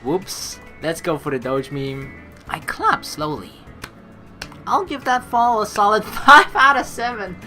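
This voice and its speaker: A woman hosts a playful let's play, reading game narration aloud and tossing in teasing, jokey asides. Her mid-range voice is sharp-toned at a measured pace. Game music plays behind her.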